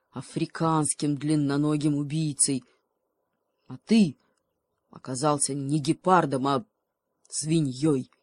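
A woman's voice: low-pitched, mellow, no echo. A woman voicing a proud, offended male wolf who scolds with indignation. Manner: reproachful, indignant.

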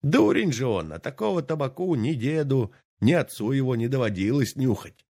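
A man voicing a gruff old village grandfather muttering to himself as he digs for treasure, in a read-aloud folk tale. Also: mid-range voice, sing-song, moderate pace, warm tone, no room sound, studio quality, pitched above the performer's own voice. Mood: grumbling. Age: older.

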